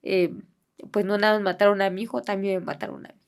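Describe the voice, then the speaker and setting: A middle-aged woman speaking in a halting, soft-spoken way, with many fillers and restarts, as a bereaved mother giving an interview. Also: mid-range voice, flat delivery, clear, resonant tone. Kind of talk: personal testimony in an interview.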